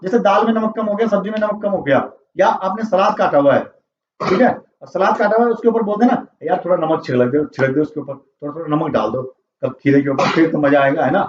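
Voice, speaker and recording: This English teacher talks fast in a high-sitting voice while quizzing the class on vocabulary and repeating their replies. There's slight background noise, and the classroom audio is roomy, distant and dull.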